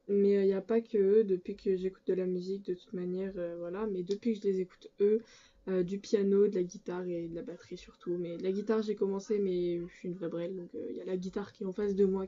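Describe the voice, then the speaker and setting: A woman's voice: mid-range voice, warm tone. A teenage girl vlogging casually from her room, answering tag questions in a chatty, hesitant way with many filler sounds and restarts. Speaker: book and music vlogger. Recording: dull lo-fi sound.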